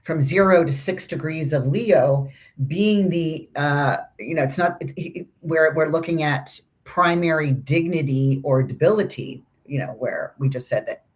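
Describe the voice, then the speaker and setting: A woman's voice: sits low, measured pace, a little mellow. A woman co-hosting an astrology talk show, chatting casually and rambling with asides. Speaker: astrology podcast co-host. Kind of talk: casual conversational astrology discussion.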